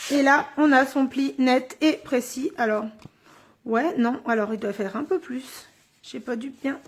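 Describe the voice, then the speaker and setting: A woman's voice: sits high, a little slow. A middle-aged woman running a live card-making tutorial, chatty and thinking aloud as she works, filmed indoors on a phone on a stand. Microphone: phone or camera on a stand.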